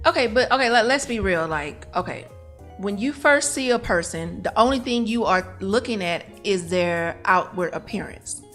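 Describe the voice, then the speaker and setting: A woman with a bright, forceful voice co-hosts a casual talk podcast, laying out her points with emphatic, drawn-out explanations. Faint music sits in the background. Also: mid-range voice, animated. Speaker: podcast co-host. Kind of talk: casual chat.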